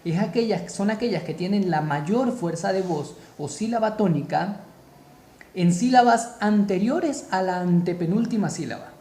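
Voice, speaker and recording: A man teaching a spoken grammar lesson, slow and deliberate, repeating key terms for emphasis. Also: high voice, animated, warm tone, roomy sound.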